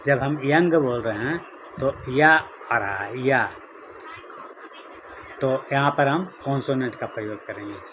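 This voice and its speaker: A man teaching English grammar in a lesson, explaining slowly and repeating each example. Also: medium pitch, noisy background. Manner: slow, repetitive explaining with drawn-out examples. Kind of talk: Hindi-language grammar lesson.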